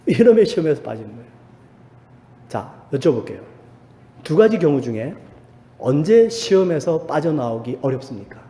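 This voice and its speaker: A male pastor preaching in a church, his mellow voice swinging widely in pitch. He asks his listeners questions and then answers them. The sound carries a long reverb from a roomy sanctuary. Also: big pitch swings, moderate pace, pauses often, a little hiss or hum. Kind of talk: sermon. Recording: echoey church hall reverb.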